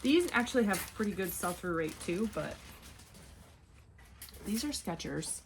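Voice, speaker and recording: A woman in her forties talks in an easy, rambling way as she packs up orders at home, often losing her thread and picking it back up. Her voice sits at an ordinary middle pitch. A clear hiss of noise runs under the home recording. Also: sing-song, unhurried. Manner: rambling and chatty, often trails off. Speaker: online clothing reseller. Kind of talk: casual vlog chat while packing orders.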